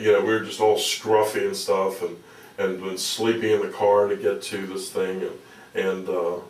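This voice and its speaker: A man's voice: deep voice, a little mellow. Older man, roomy sound, telling stories casually. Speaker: activist and journalist, interview guest. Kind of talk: casual interview storytelling. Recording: echoey room, distant from microphone.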